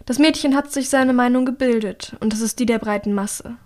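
A woman narrating an audiobook in a calm, measured storytelling voice. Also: on the high side. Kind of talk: scripted narration.

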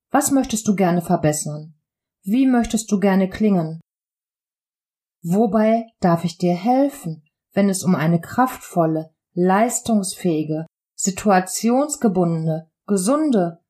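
A woman hosting a podcast as a voice coach, explaining terms in a deliberate, teaching manner. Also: mid-range voice, a little mellow.

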